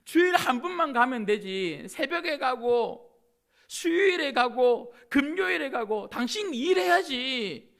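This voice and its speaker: A sneering skeptic, as a preacher acts him out, fires mocking questions one after another. His voice climbs high and rings loud with disbelief. He sounds plainly incredulous throughout. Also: very animated, measured pace, creaky, heavily acted. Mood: scornful. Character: scornful skeptical man scolding a churchgoer.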